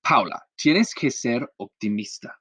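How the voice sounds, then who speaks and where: A man's voice: mid-range voice, lively intonation, normal speed, a bit bright, slightly rough, no room sound. A man voicing a young woman in a story, pining for an absent friend and cheering herself up. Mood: hopeful. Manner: pining then upbeat self-talk. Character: young woman, wistful then hopeful.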